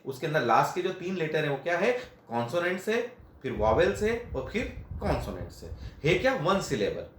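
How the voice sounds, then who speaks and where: A man's voice: fairly high pitch, roomy sound. A male teacher explaining grammar at a classroom board. He repeats each point, asks questions and answers them himself, and mixes Hindi with phrases.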